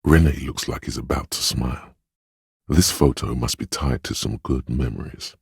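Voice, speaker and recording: Voicing the player's sense of empathy in a video game, this extremely deep, heavily husky male narrator sounds gentle, observant and sorrowful. He addresses the player in scripted second person with slow, solemn phrasing, fully in character, recorded dry and intimate with no room sound.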